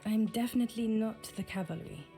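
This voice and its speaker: Brief: actress as an uneasy female patrol officer for a game, mellow, hesitant. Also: on the high side, fairly quick, soft background music, natural voice. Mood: reluctant, uneasy. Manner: hesitant, evasive. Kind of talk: video game voice acting.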